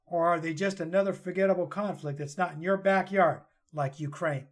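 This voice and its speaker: A man hosting a podcast, talking through news stories in an earnest, halting way with restarts, then reading a poem. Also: high voice, steady tone. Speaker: podcast host and storyteller.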